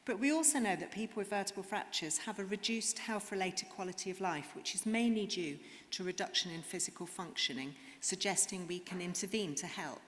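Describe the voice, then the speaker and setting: A woman's voice: medium pitch, a little fast, hardly any pauses. A woman giving a conference talk as a medical specialist, earnest and explanatory, with frequent ums. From England. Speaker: conference speaker, rheumatologist. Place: conference hall. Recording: reverberant hall, faint noise.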